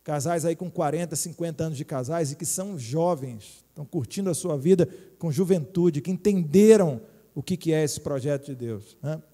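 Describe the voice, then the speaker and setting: A middle-aged pastor with a Brazilian accent preaches in a relaxed, joking way, often checking in with the congregation. His voice sits high but sounds mellow. The church hall adds a long reverb. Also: normal speed. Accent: Brazilian Portuguese. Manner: joking, chatty preaching with many tag questions. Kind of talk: sermon.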